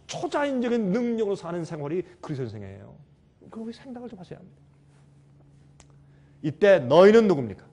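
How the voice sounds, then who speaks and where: A male preacher delivers a sermon in a high, very lively voice. He rises into loud, stressed calls, then drops into quiet asides. He keeps putting questions to his listeners.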